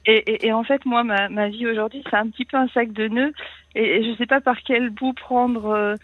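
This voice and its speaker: A woman calling into a radio show over the phone, emotional and hesitant, with many halting restarts. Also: on the high side, steady tone, no echo. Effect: phone line. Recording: tinny phone line, dry.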